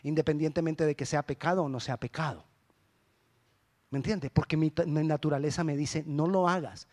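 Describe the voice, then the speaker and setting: A middle-aged male pastor preaching a sermon, lively and emphatic, acting out the church members he quotes. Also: a little high, normal speed. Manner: animated preaching, rising to loud emphatic peaks.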